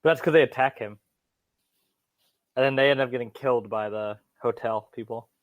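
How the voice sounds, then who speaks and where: A man's voice: medium pitch, moderate pace, dry recording, narrow, tinny audio. A man co-hosting a casual movie podcast, making dry, sardonic quips. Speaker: podcast co-host. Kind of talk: casual chat.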